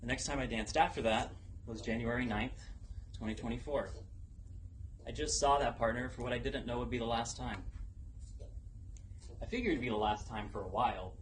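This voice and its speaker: A young man delivering a rehearsed personal story as a competition speech, deliberately and dramatically, pausing for effect. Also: medium pitch, rough recording. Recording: noticeable background noise, live event ambience.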